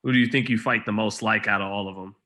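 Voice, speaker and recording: A male reporter on a video press call with a lowish, bright and forceful voice. He asks his questions loosely and conversationally, circling back as he phrases them. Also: steady tone, quick pace.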